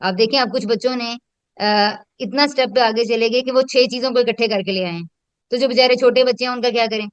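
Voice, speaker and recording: A woman talks through her teaching approach in a relaxed, conversational way. Her voice sits a little high and sounds dry and close, with almost no room around it. She reflects aloud and drops English terms into her speech. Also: brisk, clean tone, dry recording, muffled recording. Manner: reflective, explains with classroom examples, mixes in English terms. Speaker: educator and host. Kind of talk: casual conversational teaching talk.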